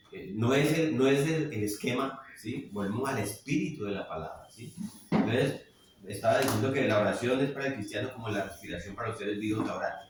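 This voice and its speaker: A man's voice: on the low side, a little hiss or hum. A man preaching a sermon in a church, from Colombia, often checking with the congregation by asking "right?". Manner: frequent questioning "¿sí?" to congregation. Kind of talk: sermon with personal story. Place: church hall. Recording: echoey church hall from far off.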